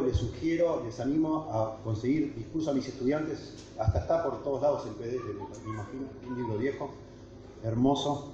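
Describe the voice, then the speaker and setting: A man's voice: mid-range voice, mellow, slight background noise. A man with a Rioplatense Spanish accent, a guest pastor teaching a workshop at a camp, earnest and emphatic, often restarting and checking in with the room. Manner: earnest, emphatic, frequent restarts and tag questions. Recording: echoey hall, dull lo-fi sound.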